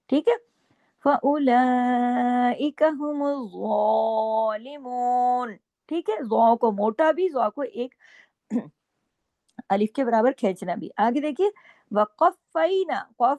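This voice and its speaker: A woman teaching Quran recitation rules, alternating slow drawn-out recited examples with brisk explanations and frequent "okay?" checks. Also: fairly high pitch, no room sound. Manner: repeats checks like "okay?" and scolds gently. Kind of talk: tajweed lesson with recited examples.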